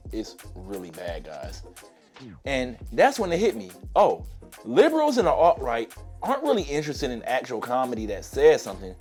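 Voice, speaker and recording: A sarcastic commentary YouTuber rants at viewers in his own opinionated video essay while a cold takes his voice. He speaks at medium pitch with a darkish tone.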